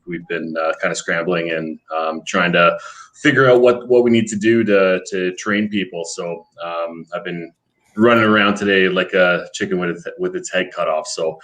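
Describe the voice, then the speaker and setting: A man's voice: low voice, fairly bright tone, rough recording. A man co-hosting a podcast in casual chat, dry and teasing. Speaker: podcast co-host.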